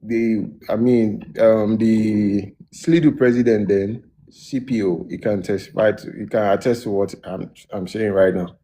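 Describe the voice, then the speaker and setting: A music producer tells his story in a casual interview, relaxed and loose, restarting his sentences often. He speaks in a lowish voice, a little slowly and with few pauses, over slight background noise.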